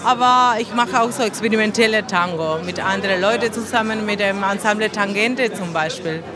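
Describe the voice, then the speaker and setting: A woman from Argentina, a composer and singer, answering interview questions in a thoughtful way, pausing to search for words, with grammar. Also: mid-range voice, crowd noise. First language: Spanish.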